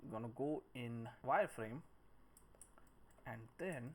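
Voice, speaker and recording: Speaking slowly at a medium pitch, a 3D modelling instructor narrates his screen-recorded tutorial in a relaxed way, murmuring counts and shortcuts as he goes. Typing, mouse clicks and clear background noise can be heard.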